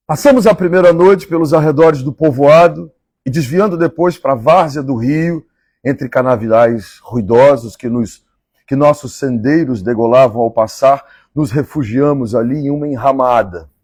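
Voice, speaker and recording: A man from Minas Gerais with a Mineiro Brazilian accent, reading a novel aloud on a live stream and pausing for chatty asides. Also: mid-range voice, a little mellow, husky, dry recording, clean studio sound. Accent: Mineiro Brazilian Portuguese. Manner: measured, repeats favorite lines and chats between passages.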